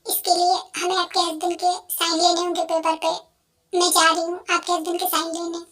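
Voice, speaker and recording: Formal, firm doctor, a woman dubbing, very high and flat delivery. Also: brisk. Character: calm professional female doctor. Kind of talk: Hindi fan dub.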